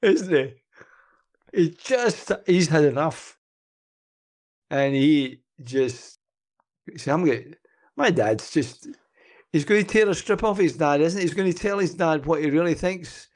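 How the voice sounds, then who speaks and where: A man with a Scottish accent co-hosting a podcast and retelling a story in an animated, chatty way. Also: a little high, a little slow, pauses often. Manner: animated storyteller, chuckles and uses Scots words. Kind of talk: casual podcast discussion.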